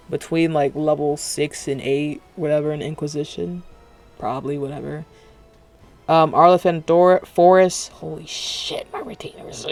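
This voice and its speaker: A man's voice: on the high side, gravelly, a little mellow. A man streaming casual reaction commentary, rambling and profane, talking with dental retainers in late at night. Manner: rambling, profane, self-interrupting.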